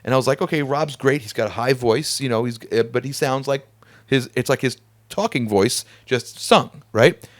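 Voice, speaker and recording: A man hosting a casual studio conversation, talkative and animated, laughing often. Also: mid-range voice, moderate pace. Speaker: podcast host. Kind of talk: casual chat.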